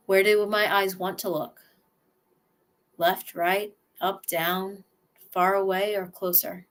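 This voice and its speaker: Speaking softly in the first person, she leads an unhurried relaxation session, breaking for breaths and sighs. Her pitch is medium and barely moves.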